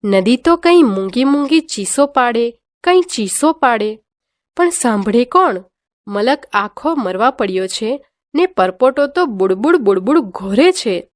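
A woman reads a children's storybook aloud in a lively, sing-song manner. Her voice sits fairly high. The recording is close and dry, with almost no room sound. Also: dry recording. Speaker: teacher reading a textbook story. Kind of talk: expressive storybook reading for children.

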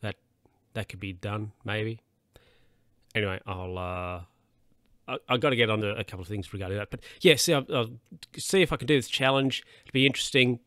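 A man's voice: on the low side, brisk, fairly bright tone, no room sound, clean studio sound. An Australian man hosting his own podcast, rambling casually with lots of fillers and restarts, a little tired. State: yawning, a bit tired. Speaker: podcast host. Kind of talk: casual solo podcast monologue.

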